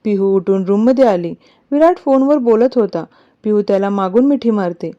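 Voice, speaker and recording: A woman narrating a romantic story in an even storytelling manner. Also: medium pitch, moderate pace. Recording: dull lo-fi recording.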